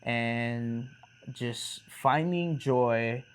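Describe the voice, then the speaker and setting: A man co-hosting a relaxed talk show with his partner, rambling casually with restarts and easygoing slang. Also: mid-range voice, very slow, clear, resonant tone. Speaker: co-host of a couple's talk show. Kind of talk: casual chat.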